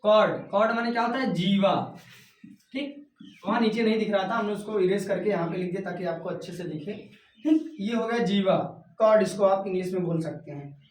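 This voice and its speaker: A man's voice: sits high, brisk, a little hiss or hum. Male teacher, math lesson, quizzes himself on each term, heavy echo, distant from the mic. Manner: repeats terms as questions and answers them. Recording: echoey room, voice from far off.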